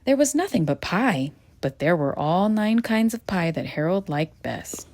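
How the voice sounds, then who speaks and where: A woman reading a children's picture book aloud in a gentle, expressive storytelling manner. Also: on the low side, unhurried. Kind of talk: children's read-aloud narration.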